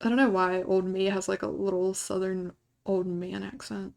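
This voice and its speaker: A woman's voice: medium pitch, little pitch movement, normal speed, vocal fry, a little mellow. A young adult woman streamer casually chatting with her viewers, laid-back and often breaking into giggles. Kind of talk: casual live-stream chat.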